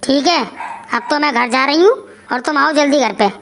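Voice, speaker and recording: A woman's voice: sits high, normal speed, a bit bright, a little hiss or hum. A woman voicing a bossy, demanding wife who scolds her husband in a cartoon. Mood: scolding.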